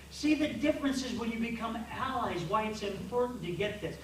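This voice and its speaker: A man coaching a group of men, telling stories in an animated way that keeps restarting. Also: extremely high pitch, brisk, a little hiss or hum. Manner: storytelling, animated and repetitive, with restarts. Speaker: men's coach. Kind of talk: church coaching talk to men. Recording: echoey hall from far off.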